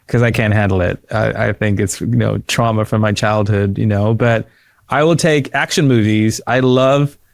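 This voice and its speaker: A Sri Lankan founder in his early fifties speaks casually as a podcast guest from his living room at home, using a close desk microphone over a video call. His voice is lowish with fairly even intonation, normal speed and vocal fry, and the audio is studio quality without echo.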